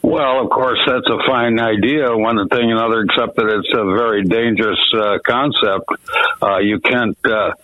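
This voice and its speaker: A man's voice: lowish voice, fairly even intonation, moderate pace, sharp tone, no room sound. An older man being interviewed on the radio, talking in a folksy, rambling way and repeating himself. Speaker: interview guest, retired airline pilot. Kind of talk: conversational radio phone interview. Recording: thin telephone line sound.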